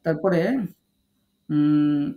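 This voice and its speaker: A man's voice: a little high, flat delivery, very slow, narrow, tinny audio. A man teaching Quran recitation in an online class, calling on students and patiently repeating syllables for them.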